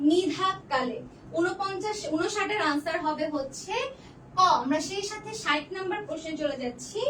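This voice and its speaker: High-voiced woman teacher, echoey room. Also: far from the mic, a little hiss or hum. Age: young adult. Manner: repeats each answer twice, quizzing students by name. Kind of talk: live online exam revision class.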